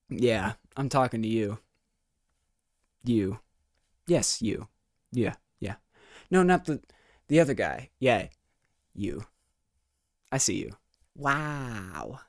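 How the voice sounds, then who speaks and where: A man's voice: fairly low pitch, animated, takes it slowly, pauses often, darkish tone, no room sound. A man doing a rambling, comedic mic test in a goofy, playfully theatrical manner, close on the microphone. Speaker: video creator.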